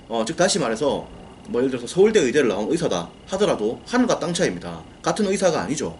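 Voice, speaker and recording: A man lectures on writing books with a lively, animated voice. He explains step by step, repeats key phrases and answers his own questions. Faint noise sits under the voice. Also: mid-range voice. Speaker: book-writing coach.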